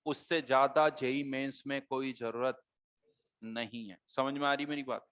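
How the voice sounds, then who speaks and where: A man's voice: mid-range voice, level tone, measured pace, a bit bright, smooth. Man lecturing chemistry in casual tone. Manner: conversational teaching, mixing Hindi with English terms, rhetorical questions. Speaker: chemistry teacher. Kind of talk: classroom lecture.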